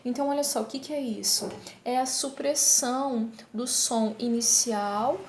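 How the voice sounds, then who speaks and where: A woman teacher with a fairly high voice explains things patiently, one step at a time, often checking that her class is following. She slows right down to read examples aloud. Her voice rings in an echoey room under a faint hiss. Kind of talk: recorded online class.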